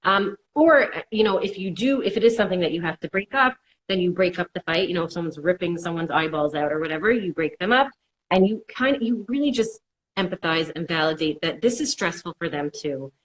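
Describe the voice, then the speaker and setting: A woman's voice: on the low side, lively intonation, a little fast, a little hiss or hum, low-quality recording. A woman counselor giving casual, reassuring advice and acting out worried inner voices in quotes. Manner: reassuring, repeats "it's okay". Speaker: mental health counselor. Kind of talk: conversational advice.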